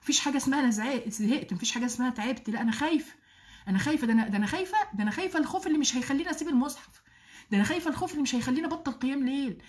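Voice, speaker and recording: Quick Egyptian woman teaching religion. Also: high-pitched. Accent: Egyptian Arabic. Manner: drawn-out chanted Quran recitation between quick lively explaining. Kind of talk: religious lesson to women.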